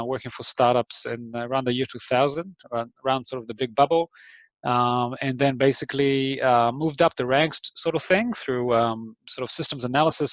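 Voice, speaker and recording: The sound is lo-fi, without echo, coming from a video call mic as a man talks in a mid-range voice. With an Israeli accent colored by New Zealand, he gives startups a friendly online talk that's hesitant and full of ums and restarts.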